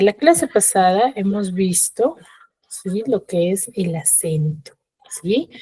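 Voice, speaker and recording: A woman with a mid-range, slightly mellow voice gives an online grammar lesson by video call. She explains it step by step and checks in with short questions, saying "¿sí?" again and again.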